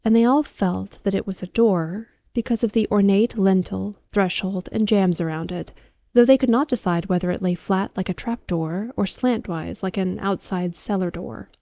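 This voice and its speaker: A woman reading a horror audiobook as a calm bedtime ASMR narration, soft, measured and deliberate. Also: medium pitch, dry recording.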